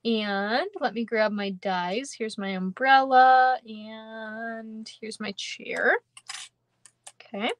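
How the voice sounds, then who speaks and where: Fairly high and fairly bright, the voice of a young Minnesotan woman comes through with no echo. She's live-streaming a card-making class from an indoor craft room. Rambling and giggly, she chats with viewers, dropping plenty of ums and kindas.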